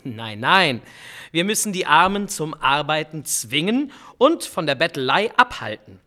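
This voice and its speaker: A stern Victorian economist and government adviser, played by a man, lectures in a bright, fairly high voice. His pitch swings widely as he lays out his case with complete self-assurance. It is a scripted history role-play podcast. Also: big pitch swings, measured pace, full character voice. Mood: lecturing. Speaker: guest expert.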